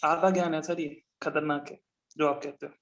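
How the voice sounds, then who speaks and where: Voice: medium pitch, flat delivery, moderate pace, lo-fi sound. A student in a class discussion, pushing back against the teacher's points. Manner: argumentative, pushes back on the teacher.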